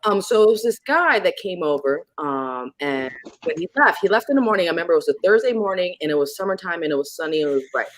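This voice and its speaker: Woman telling a creepy story on a podcast, lowish voice, super animated, dry close sound. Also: fast talker, few pauses, no echo. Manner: animated, acts out moments with sudden pitch jumps. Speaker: guest. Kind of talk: storytelling in a casual podcast chat.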